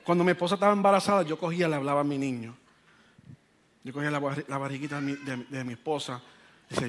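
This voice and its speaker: A man preaching a sermon, telling a personal story with animated delivery and dropping into English phrases. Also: a little high. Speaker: pastor.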